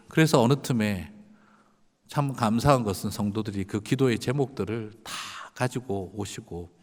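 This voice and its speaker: A middle-aged male pastor preaching a revival sermon, moving from hushed, whispered prayer to loud, emotional exclamation. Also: lowish voice. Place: church sanctuary. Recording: reverberant church sanctuary.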